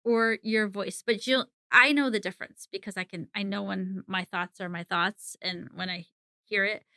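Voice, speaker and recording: Bright-voiced, laughing middle-aged woman. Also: medium pitch, fairly even intonation, moderate pace, dry recording, studio quality. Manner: chatty, laughs often mid-sentence. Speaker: psychic medium guest. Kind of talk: casual interview conversation.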